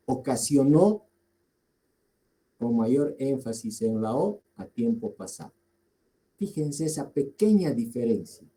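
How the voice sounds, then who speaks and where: Male lecturer, Bolivian Spanish accent, very unhurried delivery, dark warm tone; deliberate, repeats for emphasis. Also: medium pitch, poor audio. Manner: deliberate, repeats key words, asks the class questions. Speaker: teacher. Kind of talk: slow classroom lecture.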